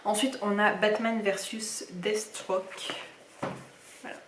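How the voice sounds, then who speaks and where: A woman's voice: mid-range voice, level tone, slow pace, background noise. A young woman chatting casually in a reading vlog, rambling with lots of fillers as she shows her books. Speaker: book vlogger. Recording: echoey room, somewhat far from mic.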